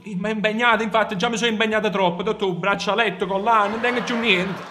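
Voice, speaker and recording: An actor playing an anxious, broke travel agent in a comedy film scene, protesting over and over. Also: male voice, high-pitched, steady tone, fast talker, noisy background, lightly acted. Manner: pleading, protesting repeatedly.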